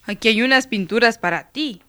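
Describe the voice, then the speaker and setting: A woman voicing a patient father explaining a lesson in a calm, lowered voice. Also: brisk, no room sound.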